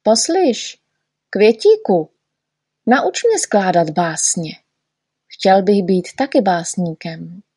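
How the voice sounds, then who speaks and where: A woman voicing a tiny, eager, boastful male know-nothing in a storybook reading, talking excitedly and bragging. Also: mid-range voice, husky. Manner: excited, shouty, quick to brag.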